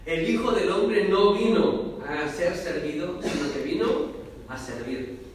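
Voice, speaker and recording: A man preaching a sermon, talking fast and emphatically and addressing the listeners directly. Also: high voice. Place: church hall. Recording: echoey hall, voice from far off.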